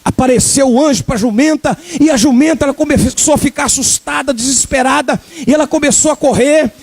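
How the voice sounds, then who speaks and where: High-voiced emphatic preaching man. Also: fairly quick, darkish tone. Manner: emphatic, humorous, teasing congregation. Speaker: pastor. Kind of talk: sermon.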